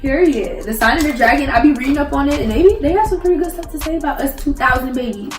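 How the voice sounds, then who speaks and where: Talkative young woman guest, slangy, slightly high; roomy distant recording. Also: animated, fast. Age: young adult. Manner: chatty, slangy. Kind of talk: casual chat. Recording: echoey room, mic at a distance, faint music.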